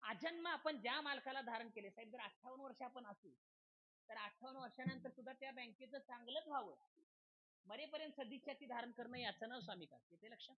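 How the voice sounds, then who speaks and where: A man's voice: very high-pitched, fairly quick. Folksy kirtan preacher, man. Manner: folksy, keeps checking the crowd follows. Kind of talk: humorous devotional sermon. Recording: dull lo-fi recording.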